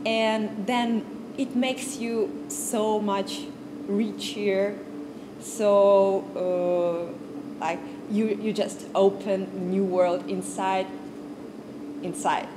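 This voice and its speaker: A young woman from Kazakhstan giving an informal music talk to a class, in unhurried English, searching for words and restarting often. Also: medium pitch. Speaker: guest music lecturer. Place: large stage with piano. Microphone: far camera, no handheld mic. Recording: audible background noise on stage.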